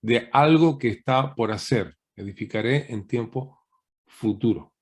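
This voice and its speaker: A man's voice: mid-range voice, a little slow, slightly rough. A man, a guest pastor, preaching a teaching sermon over a video call, asking rhetorical questions and often ending points with a questioning tag.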